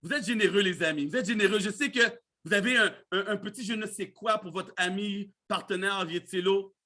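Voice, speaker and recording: Male live-training host, mixed in, high bright voice, casual motivational delivery. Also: a little fast. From Canada. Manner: animated, repeats himself, mixes in English words.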